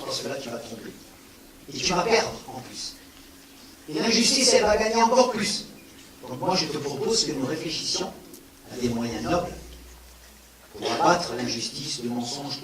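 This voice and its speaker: A man giving a public talk on non-violence, animated, with rhetorical questions and emphatic repetition, answering an audience's questions. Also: medium pitch, distant mic. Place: large hall with an audience. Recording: echoey hall, speaker away from the mic.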